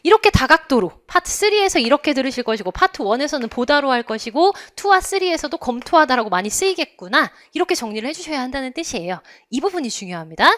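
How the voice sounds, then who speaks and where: A woman's voice: high voice, a bit bright. A woman with a Korean accent teaching in an online English test lecture, asking her students to repeat phrases after her.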